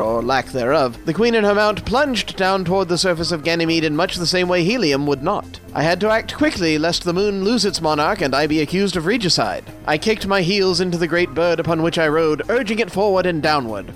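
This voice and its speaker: A man's voice: on the high side, a bit bright. A man with a morning voice, reading aloud in a grand, theatrical storytelling manner. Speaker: reader. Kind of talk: dramatic storybook narration.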